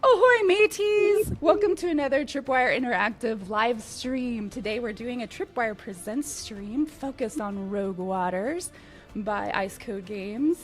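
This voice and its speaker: A woman with a slightly high voice hosts a live game stream. She talks slowly and at ease while she plays. She giggles often and explains things as she goes. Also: faint music behind. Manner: giggly, easygoing, unhurried. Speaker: stream host.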